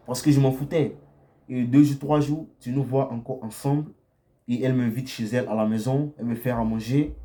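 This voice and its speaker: With a mellow, mid-range voice, a young Ivorian man delivers casual, direct dating advice. He repeats himself often and frequently ends sentences with a questioning "ok?"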